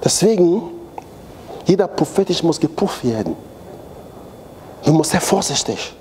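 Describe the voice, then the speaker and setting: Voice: medium pitch, sing-song, measured pace, darkish tone, slight background noise. A preacher giving a sermon in a church, repeating phrases for emphasis and asking the congregation to fill in missing words. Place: church hall.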